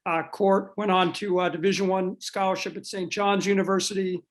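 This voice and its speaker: A man's voice: sits high, little pitch movement, fairly quick. A man hosts an online school athletics panel. He introduces guests with eager praise and talks with plenty of "uh"s. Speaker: dean of athletics, event host.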